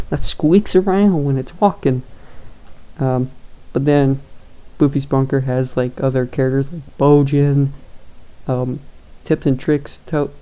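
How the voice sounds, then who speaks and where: A man's voice: on the high side, dark tone. A young man giving casual tier-list commentary, rambling and hesitant with lots of fillers and chuckles. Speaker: YouTuber ranking games.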